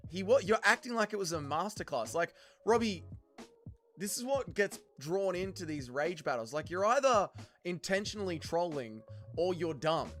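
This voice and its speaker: A young man with a high, expressive voice hosts a casual livestream at a moderate pace, with faint music behind him. He reads out chat messages and argues with them bluntly and heatedly, calling the chatters trolls.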